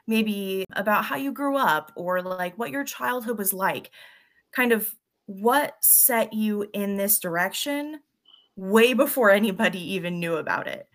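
A woman hosting a podcast interview, chatting casually and warmly affirming her guest. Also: mid-range voice, measured pace. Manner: enthusiastic, affirming. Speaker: podcast host.

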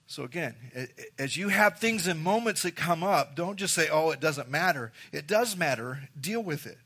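A man's voice: on the high side, lively intonation, normal speed, sharp tone, slightly rough. A man preaching a sermon as pastor, emphatic, repeating key phrases and addressing the congregation directly.

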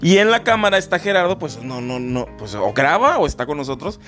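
A man's voice: on the high side, big pitch swings, fairly quick, fairly bright tone, faint music behind. A man hosting a podcast in casual chat, rambling with many fillers and restarts. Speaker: podcast host.

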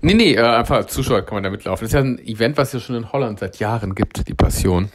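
Ein Mann, der als Moderator locker, begeistert und ironisch über Fernsehsendungen plaudert. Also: male voice, on the low side, animated, fast talker, background noise. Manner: chatty, enthusiastic and ironic. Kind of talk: casual chat.

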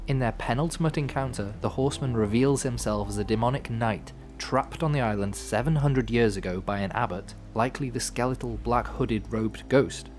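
A man hosting a podcast with scripted storytelling narration, in measured, dramatic phrasing with dry asides. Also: mid-range voice. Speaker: podcast host. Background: music.

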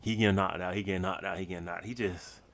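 This is a man with a very low voice, co-hosting a casual podcast. He talks in a laid-back way, full of slang, and he swears freely. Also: fairly even intonation, fast talker, fairly bright tone. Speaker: podcast co-host. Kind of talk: casual chat.

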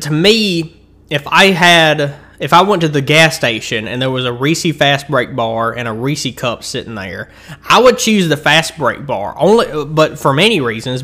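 A man's voice: fairly high pitch, fairly bright tone. A man hosting his own candy-rating show, rambling casually through a review and chewing as he talks. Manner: rambling and chatty, with frequent restarts and ums; eating and chewing while he talks.

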